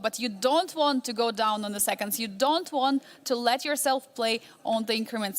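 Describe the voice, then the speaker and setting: A woman doing live chess commentary, posing suspenseful questions and repeating phrases for emphasis. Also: fairly high pitch.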